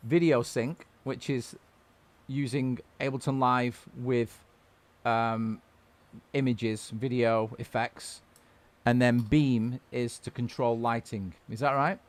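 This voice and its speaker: A man's voice: medium pitch, fairly even intonation, slow. A man hosting a casual music-production webcast over a video call, talking loosely with many restarts. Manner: chatty, loose, lots of restarts. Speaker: host and music-production trainer.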